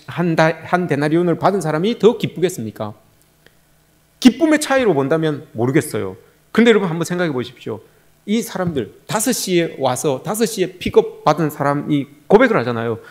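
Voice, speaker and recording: A man's voice: on the high side, darkish tone. A male pastor preaching a sermon, often turning to the congregation with rhetorical questions.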